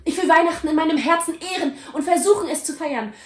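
A woman voicing a frightened old miser who pleads in despair, his voice rising high. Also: sing-song, moderate pace. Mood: desperate pleading. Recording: roomy echo.

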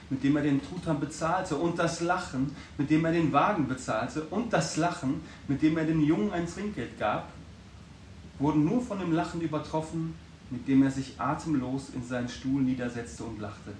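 A man narrating a classic story aloud in an expressive, lively way. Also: medium pitch. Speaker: audiobook reader. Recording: echoey room, distant mic, faint noise.

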